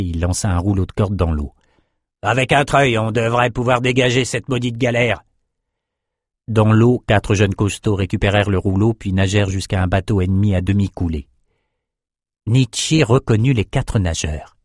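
A man reads a fantasy novel aloud in a measured, steady manner. His voice sits low, and the dry, close recording leaves no trace of a room. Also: dry recording. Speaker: audiobook narrator. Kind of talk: scripted narration.

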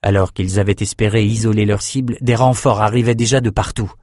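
A man with a lowish voice narrates a fantasy audiobook in a steady, measured storytelling manner. The recording has clean studio sound with no echo.

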